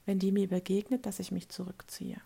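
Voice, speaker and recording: A woman coach talks straight to her listener in an earnest motivational monologue. Her voice sits at a middle pitch with a steady gravelly fry. She often checks in with a quick question for agreement. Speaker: life coach.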